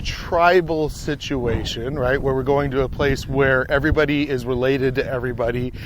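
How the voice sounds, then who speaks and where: A man's voice: mid-range voice, fairly even intonation, moderate pace, noisy background. A man hosting a podcast while on a hike, thinking aloud with frequent restarts and tag questions. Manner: musing, lots of restarts and fillers, frequent "right?". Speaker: podcast host. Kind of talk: casual chat on a hike. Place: outdoors on a hiking trail.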